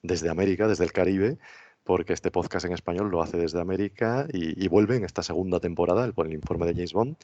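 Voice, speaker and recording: A man's voice: low-pitched, darkish tone. A man with an accent from Spain, chatting casually as a podcast host. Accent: Spanish from Spain. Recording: dull, roomy sound.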